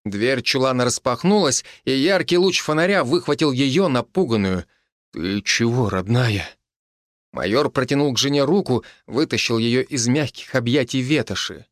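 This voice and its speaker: A man narrating an audiobook in a measured, dramatic way with slow pauses for suspense. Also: medium pitch, animated, dry recording, studio quality. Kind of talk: scripted story narration.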